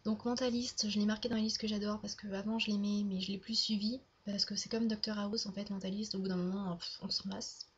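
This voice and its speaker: A woman's voice: medium pitch, flat delivery, brisk, hardly any pauses, breathy edge. A young woman chatting casually to her viewers, rambling along with many fillers and restarts. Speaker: YouTuber. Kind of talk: casual chat to camera. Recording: dull lo-fi home video sound.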